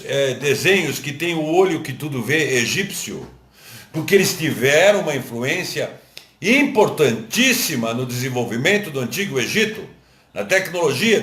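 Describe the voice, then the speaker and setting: A man's voice: on the high side, fairly bright tone, roomy sound. A man with a Brazilian Portuguese accent giving a live lecture, teaching step by step, repeating points and checking whether listeners follow. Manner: didactic, repeats and asks the audience if they understood. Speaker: esoteric lecturer.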